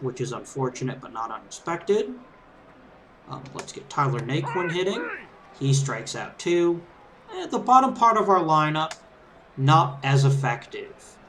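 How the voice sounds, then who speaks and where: A man with a mid-pitched voice talks through a game as a let's play host. His commentary is casual and conversational, with an easygoing manner. There is clearly audible background noise from the game's ambience behind his voice. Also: a bit bright. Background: video game crowd ambience and background music.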